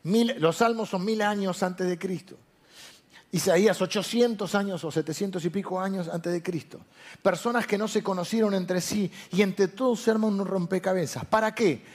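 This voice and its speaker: A man's voice: sits high, steady tone, moderate pace. A man preaching a conversational sermon, asking and answering his own questions. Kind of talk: conversational sermon to a live audience.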